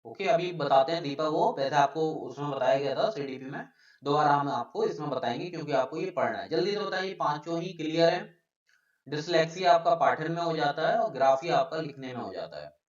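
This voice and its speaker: A male teacher giving a live online exam-prep lesson. He explains a point, keeps asking the students whether it is clear, and reads out their names from the chat. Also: a little high, animated, brisk. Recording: echoey, distant, dull lo-fi room sound.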